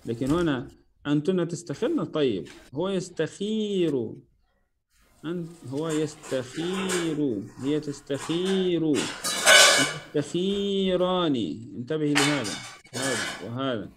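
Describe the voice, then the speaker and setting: A man's voice: on the high side, lively intonation, measured pace, noisy background. Patient man drilling verb forms. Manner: corrects himself and the student aloud. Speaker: Arabic morphology teacher. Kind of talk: correcting homework in an online lesson.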